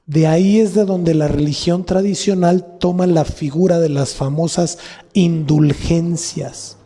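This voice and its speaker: Mexican pastor preaching in a reverberant hall. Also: male voice, on the high side, fairly even intonation, warm tone. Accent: Mexican Spanish. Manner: teaching, spells out Hebrew roots slowly and repeats them. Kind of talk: sermon. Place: church hall. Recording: long reverb of a church hall.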